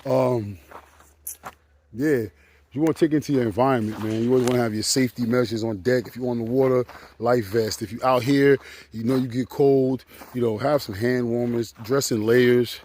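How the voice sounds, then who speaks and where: A man's voice: mid-range voice, steady tone, moderate pace, darkish tone, a little hiss or hum. A man vlogging outdoors in winter, talking in a slangy, chatty way and a little out of breath. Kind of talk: casual outdoor vlog. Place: outdoors on a frozen lake in winter.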